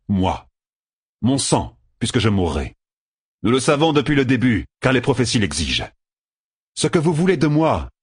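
A resolute young male hero in an audiobook, grim and unbending, played by a man. He speaks in firm, measured declarations, a little above the reader's own pitch and husky. The sound is dry and close. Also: no echo.

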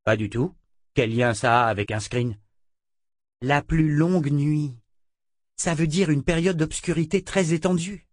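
A man's voice: fairly high pitch, measured pace, long pauses, no echo, clean studio sound, pitched above the performer's own voice, natural voice. A man reading an audiobook, voicing a cheerful young male hero who speaks plainly and directly. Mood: reasoning. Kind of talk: audiobook character voice.

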